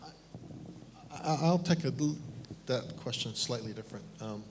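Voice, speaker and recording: A man's voice: mid-range voice, expressive, measured pace, darkish tone, a little hiss or hum. Candid middle-aged man from Taiwan. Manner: candid, self-deprecating, many restarts. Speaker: panelist. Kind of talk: fireside chat on stage.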